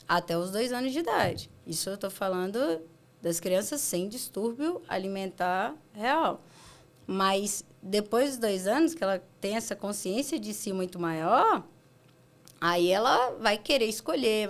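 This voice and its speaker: A woman pediatrician with a Brazilian accent, explaining calmly in a casual interview and acting out parents in quick asides. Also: on the high side. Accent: Brazilian Portuguese. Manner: animated, acts out parents and children in quick asides. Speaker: pediatrician guest.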